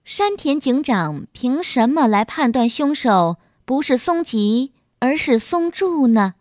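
A woman tells a short mystery story with a lively, rising and falling voice, pitched a little high. The recording is dry and close to the mic. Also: slow pace, no room sound. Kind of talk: storybook narration.

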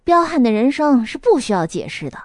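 A woman voicing a blunt, teasing, scheming friend in a lower voice than her narration. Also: very animated, a little fast, a little mellow, dry recording, studio quality.

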